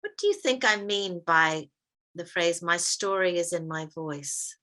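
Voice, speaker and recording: A woman with an American accent leads a workshop over a video call. Her voice is slightly low for a woman and ringing bright. She talks in a measured way and drags out words she wants to land. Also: expressive. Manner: measured, stresses words slowly. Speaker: workshop leader. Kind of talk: interactive workshop teaching.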